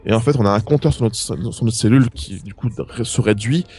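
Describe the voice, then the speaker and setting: A man's voice: mid-range voice, fairly quick, a little mellow. A man hosting a casual show, explaining a strategy game with frequent fillers and restarts. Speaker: podcast host.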